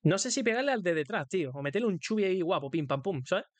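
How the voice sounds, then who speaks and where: A man's voice: high-pitched, lively intonation, fast, no room sound. Playful Spanish man streaming a game. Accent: Spain Spanish. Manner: playful, singsong, crude banter. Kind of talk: live gaming commentary.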